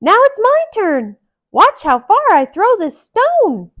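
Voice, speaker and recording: A woman voicing a small, plucky male cartoon mouse hero in a storybook, squeaky, cheeky and daring. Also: wildly swooping pitch, takes it slowly, a bit bright, full character voice. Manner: squeaky, chirpy, challenging. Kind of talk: children's storybook character voice.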